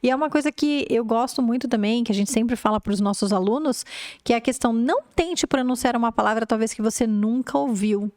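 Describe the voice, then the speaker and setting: A woman's voice: a little high, fairly quick, a little mellow, no room sound, studio quality. A woman with a Brazilian accent hosting a casual chat about learning English, asking questions and laughing often. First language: Portuguese. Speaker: podcast host and English teacher.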